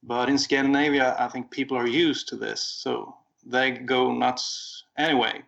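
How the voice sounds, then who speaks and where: A Swedish podcast co-host with a Swedish accent casually recounts a concert, rambling and correcting himself as he goes. His medium-pitched voice is steady, creaky and a bit bright, and he speaks a little slowly. The audio is dull and lo-fi.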